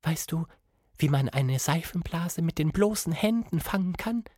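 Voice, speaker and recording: A man voicing a sad, shivering female monkey in a children's story, speaking softly and gloomily. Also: a little high, lively intonation, a little slow, dry recording, studio quality, voice pushed up. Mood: sad, hushed. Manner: soft, hushed and gloomy.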